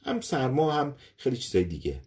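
A man's voice: medium pitch, wildly swooping pitch, darkish tone, voice pushed up. A man voicing an eccentric male scientist who mutters to himself and talks with nervous cheer, in an audiobook story. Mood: nervously chatty.

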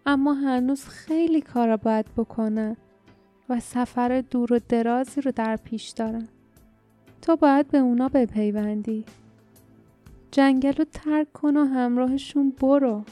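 A woman narrator voicing the gentle ghost of a mother, speaking softly and breathily like a moan of wind. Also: on the high side, lightly acted. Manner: soft, breathy, moaning like wind. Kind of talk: audiobook character reading.

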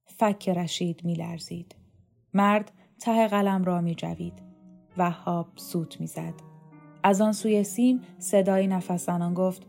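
A woman narrating a novel as an audiobook reader, in a calm, measured voice. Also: lowish voice, gravelly. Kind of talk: scripted narration.

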